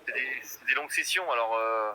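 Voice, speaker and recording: A man in his fifties, a guest on a live stream chat, rambles boastfully and hesitates often in casual conversation. He has a medium pitch and talks a little fast over background noise.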